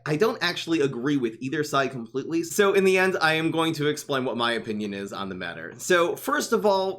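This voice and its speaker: A man giving a calm, step-by-step explanatory commentary as a video essayist. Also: on the high side. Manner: calm, methodical, laying out arguments step by step.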